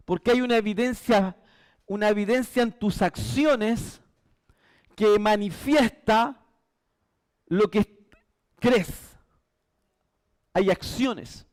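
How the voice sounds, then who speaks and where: Man, preacher, slow deliberate delivery, emphatic, repetitive, in church. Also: high-pitched. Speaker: pastor. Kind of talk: sermon.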